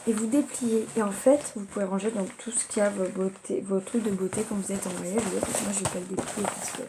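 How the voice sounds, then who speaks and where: A young woman rambles cheerfully through a gift-unboxing vlog, stopping often for fillers. Her voice has a gravelly fry to it. A steady hiss sits under the home recording. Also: mid-range voice. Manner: chatty, rambling, many fillers. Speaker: vlogger.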